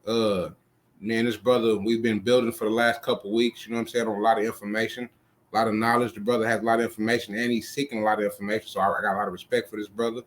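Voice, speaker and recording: A man's voice: lowish voice, flat delivery, rapid-fire. A man hosting a casual interview, easygoing and full of conversational fillers. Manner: easygoing, lots of "you know what I'm saying". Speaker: host.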